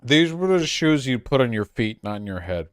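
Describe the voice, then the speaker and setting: A man's voice: medium pitch, big pitch swings, moderate pace, clean tone, no room sound, clean studio sound. A very drunk man rambling on a casual livestream, crude, losing his thread and stumbling over repeated words. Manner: crude, swearing.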